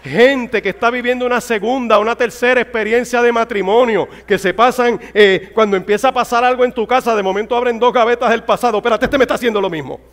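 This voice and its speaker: A man's voice: extremely high pitch, steady tone, quick pace, hardly any pauses, fairly bright tone. A man, a pastor, preaching a fervent sermon that rises to exclamations. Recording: hall reverb.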